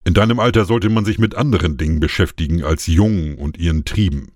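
A man's voice: low-pitched, fast talker, darkish tone, no room sound, studio quality. A man doing a strict, stubborn father. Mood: stern. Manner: curt, stubborn.

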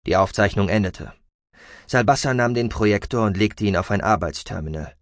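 A man narrating a science fiction audiobook in an expressive storytelling manner. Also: on the low side, moderate pace, no room sound, clean studio sound.

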